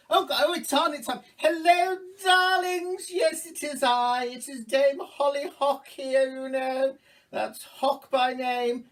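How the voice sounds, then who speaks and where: A man's voice: high voice, fairly bright tone, distant mic. A man performing as a campy drag queen, a boozy, bawdy grand dame with a theatrical, arch way of talking. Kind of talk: comic drag monologue to camera.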